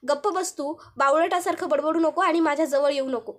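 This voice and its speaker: A scared young wife begging a man to keep his distance. A woman voices her in a serial retelling. Her voice is high. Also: a little fast, lightly acted. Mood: frightened. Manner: pleading, frightened. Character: frightened young wife pleading.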